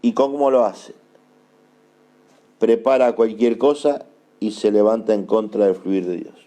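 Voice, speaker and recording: A man preaching a sermon in an Argentine accent, emphatic and repeating key phrases slowly for his listeners to note down. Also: on the low side, warm tone. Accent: Argentine Spanish. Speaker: apostle preaching.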